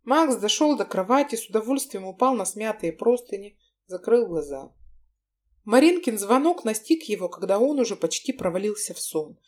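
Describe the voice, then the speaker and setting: Audiobook narrator, woman, mid-pitched, expressive scripted reading. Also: moderate pace.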